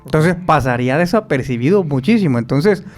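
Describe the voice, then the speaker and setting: A man's voice: on the high side, brisk, soft background music. A man telling stories as a podcast guest, acting out the voices of people he quotes. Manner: animated storyteller who acts out quoted voices. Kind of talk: storytelling in an interview.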